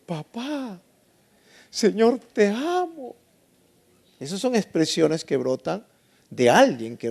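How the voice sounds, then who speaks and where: Lively gravelly-voiced male preacher. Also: a little high. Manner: emphatic, with rhetorical questions to the congregation. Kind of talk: Bible lesson sermon.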